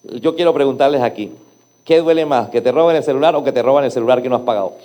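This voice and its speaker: A man's voice: mid-range voice, fast, dark tone. A male pastor preaching a sermon, asking the congregation questions and having them repeat words after him. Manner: call-and-response, has the congregation repeat words; asks the audience many rhetorical questions. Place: church.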